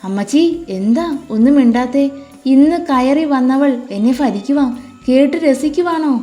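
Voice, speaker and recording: A haughty, spiteful middle-aged aunt speaks with scorn and veiled threats, as a woman storyteller acts her out, her voice raised and pushed high. Soft music sits under this storybook scene. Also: animated, normal speed. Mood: scornful.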